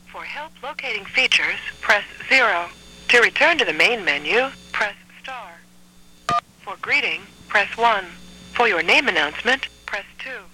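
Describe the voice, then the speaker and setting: A woman reading scripted phone menu prompts as an automated voicemail voice, in measured, clearly segmented instructions over a telephone line. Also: medium pitch, bright, forceful tone.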